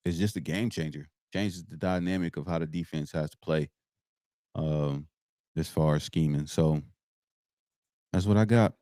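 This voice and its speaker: Man, low dark voice, smooth tone, laid-back podcast sports talk, many fillers. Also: no room sound, studio quality. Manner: relaxed, drawn-out, many fillers. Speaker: podcast co-host. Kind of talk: casual sports chat.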